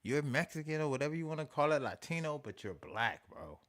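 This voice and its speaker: A man hosting an animated commentary rant, repeating himself emphatically with profanity and mocking asides. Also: a little high, a little fast. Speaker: show host.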